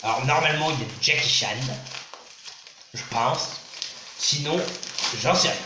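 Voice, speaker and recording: A man's voice: fairly high pitch, normal speed, reverberant, background noise. A man with a sore throat, enthusiastically unboxing films and reading their blurbs aloud in a casual vlog. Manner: enthusiastic, reads back-cover blurbs aloud. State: slightly sick with a sore throat. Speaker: YouTuber unboxing film DVDs. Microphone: phone.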